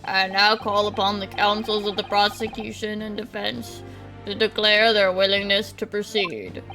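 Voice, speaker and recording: A woman's voice: mid-range voice, steady tone, moderate pace, lightly acted, low-quality recording. A woman voicing a stern, pompous elderly male British judge, reading game lines on a livestream, with faint music behind. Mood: stern, formal. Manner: formal, pompous.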